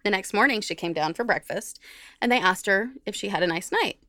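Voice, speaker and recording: A woman with a mid-range voice talks fairly quickly while co-hosting a podcast. She tells a casual story with animation, acting out people's remarks. There's no room sound.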